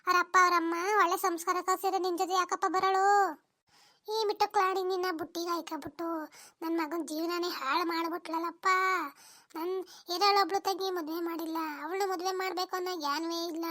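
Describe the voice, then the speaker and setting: A woman voicing a sharp-tongued village mother-in-law who curses and wails loudly in a cartoon. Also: extremely high pitch, level tone, fast talker. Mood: wailing scolding. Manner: loud cursing rants, wailing complaints. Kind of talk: cartoon voice acting.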